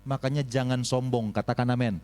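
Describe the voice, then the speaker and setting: A man preaching a sermon as pastor, animated, swinging between high exclamations and low asides and calling on the congregation for amens. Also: fairly quick, clean tone, soft background music. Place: church.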